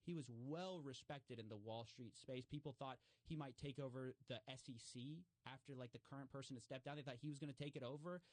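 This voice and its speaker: A guest commentator on fraud stories speaks casually in an interview, his mid-pitched voice full of loose phrasing, "like," "you know," fillers and restarts. He talks briskly with few pauses and turns animated when quoting others, acting out their remarks at a raised pitch. The recording is dry and close, with no room echo.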